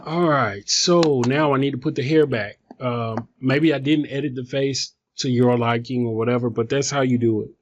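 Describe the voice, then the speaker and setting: A man with a mid-pitched voice walks through software in an informal way, thinking aloud as he goes. The sound is dull and lo-fi, picked up by a phone placed away from him. He rambles casually like someone presenting a homemade tutorial. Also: fairly even intonation, normal speed, hardly any pauses. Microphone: phone, some distance away. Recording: dull phone recording, distant from mic.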